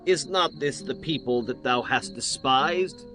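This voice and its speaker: A man playing a taunting, scornful city ruler in a dramatized scripture reading, mocking in slow archaic speech. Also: mid-range voice, lightly acted. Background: music.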